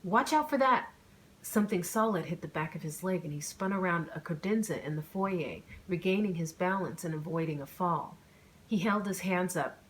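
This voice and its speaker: A woman narrating her own romance audiobook in a plain, even storytelling manner. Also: on the low side, normal speed, a little hiss or hum.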